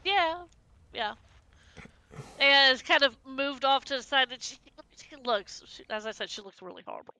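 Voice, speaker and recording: A woman's voice: high voice, lively intonation, moderate pace, bright, forceful tone, clean tone. A woman narrating a tabletop role-playing game as its game master.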